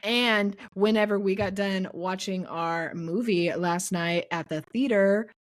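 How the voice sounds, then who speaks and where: A young woman co-hosting a casual podcast chat, animated and enthusiastic as she talks. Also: medium pitch, unhurried. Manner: animated, enthusiastic, breaks into song. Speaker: podcast co-host.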